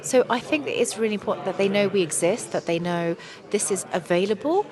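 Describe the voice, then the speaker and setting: At a conference booth on a busy trade show floor, a woman who is an attorney and company representative eagerly explains her product in an interview. Her hoarse, medium-pitched voice is animated, fast and enthusiastic, full of fillers, with crowd chatter and trade show noise behind her.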